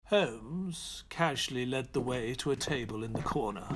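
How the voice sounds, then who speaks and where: An actor playing Dr. Watson, an earnest gentleman companion narrating a detective audio drama with measured storytelling. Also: mid-range voice, animated, background noise, lightly acted. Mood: earnest, dramatic.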